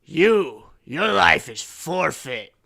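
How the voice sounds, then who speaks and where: A man voicing a huge, arrogant male murloc chieftain who shouts in broken speech. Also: on the high side, very animated, extremely slow, gravelly, voice pushed up, exaggerated voice. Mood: shouting threats.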